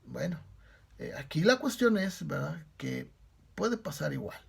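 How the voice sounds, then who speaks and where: A man's voice: fairly high pitch, big pitch swings, unhurried, vocal fry, slightly rough. A male pastor preaching a sermon in a conversational storytelling manner, with frequent tag questions.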